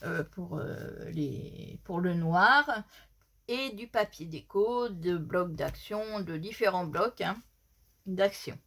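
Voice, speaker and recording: A woman's voice: on the low side, takes it slowly, fairly bright tone. A woman with a slight lisp that makes her s sounds slushy, giving an informal step-by-step craft tutorial and repeating her instructions as she explains.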